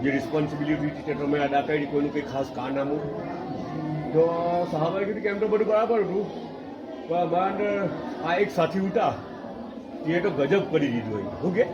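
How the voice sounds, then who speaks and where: A man's voice: a little high, normal speed, crowd noise, background noise. A man from Gujarat, India, talking as a religious vlogger and preaching while he films. He keeps asking his listeners "right?" as he explains. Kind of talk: preachy vlog commentary. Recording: dull, lo-fi sound with clear background ambience.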